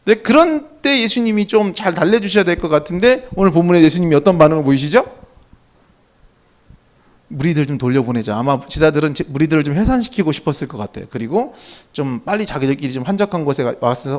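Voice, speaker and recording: A middle-aged man, a pastor, preaching a sermon in a conversational, animated storytelling way. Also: fairly high pitch, fast.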